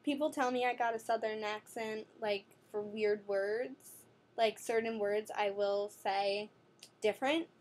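Medium-pitched and unhurried, this teenage girl keeps fairly even intonation. She's a New York City beauty vlogger recording a casual product review on her desk webcam in her bedroom at night, rambling and chatty with many fillers and self-corrections.

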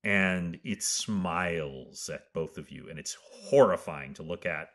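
Slow, low-voiced male game master. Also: a bit bright. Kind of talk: improvised tabletop game narration.

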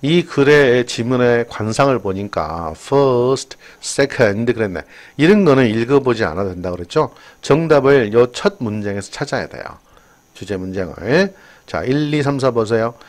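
An older man teaches an exam-prep English lesson in a chatty way, wandering into personal asides. His pitch swings widely from phrase to phrase around a mid-range voice. He talks like a friendly tutor walking students through a test. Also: lively intonation, normal speed.

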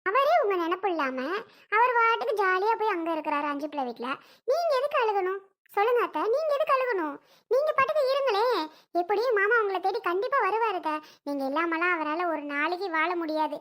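Young daughter-in-law, comforting and insistent, high-pitched, acted by a woman. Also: fairly quick, fairly bright tone. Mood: consoling. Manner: earnest, pleading, comforting. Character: kind young daughter-in-law consoling her mother-in-law. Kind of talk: family skit acting.

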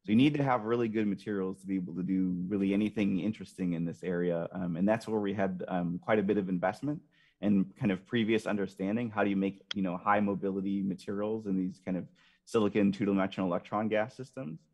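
A man in his thirties on a video call with a headset, giving a measured technical answer as a panelist, with frequent fillers. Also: sits low, steady tone, a little mellow. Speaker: panelist, industry scientist.

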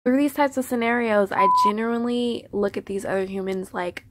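A woman's voice: on the high side, a little fast. A young woman vlogging to camera in a candid, ranting way, acting out bits of her conversations. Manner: candid, rant-like, acts out her exchanges in quoted voices. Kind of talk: casual talking-to-camera vlog.

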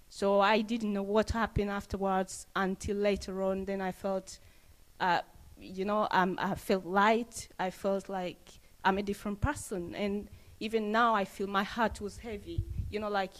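An earnest woman from Tanzania, a church member, gives testimony in an on-camera interview in a plain indoor room, a handheld mic held up to her. Her medium-pitched speech halts with fillers and restarts, and the recording is rough.

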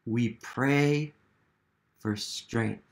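A man with a mid-range voice speaks very slowly. He's an American in his thirties, a museum literacy educator hosting a children's storytime read-aloud, asking questions and encouraging the young listeners. The setting is a small living room at home.

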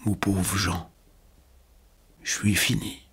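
A man's voice: low voice, little pitch movement, fairly quick, heavily acted. A man whispering as a dying old lighthouse keeper. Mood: faint, tender. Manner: faint, breathy whisper. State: weak and dying. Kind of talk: audiobook character voice.

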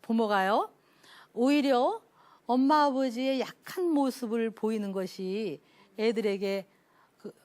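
A woman's voice: fairly high pitch, a little slow, darkish tone. A middle-aged woman professor giving a parenting lecture, telling anecdotes animatedly, acting out quoted voices and laughing often. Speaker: professor teaching a parenting class.

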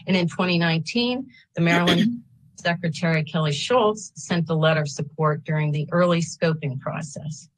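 A woman reads a prepared statement of support into her webcam at a public hearing. Her voice sits low and a little husky. She goes steadily through figures, pausing to correct small slips. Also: low-quality recording. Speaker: state agency representative giving public testimony. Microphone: computer webcam on a video call.

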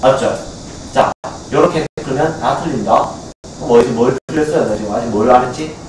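A male math teacher with a Gyeongsang Korean accent lecturing a class, constantly quizzing students with quick checks. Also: mid-range voice, background noise. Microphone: far camcorder. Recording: echoey classroom from a far camcorder.

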